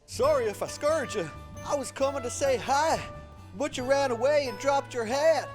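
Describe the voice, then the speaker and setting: A man's voice: very high-pitched, normal speed. A man voicing a friendly, clumsy talking boulder in a cartoon, goofy and a bit breathless. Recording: music playing behind.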